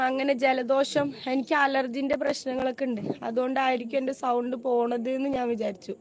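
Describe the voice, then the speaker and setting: A woman with a hoarse voice after throat surgery, making an agitated, insistent video complaint as a YouTuber and mother of five. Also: sits high.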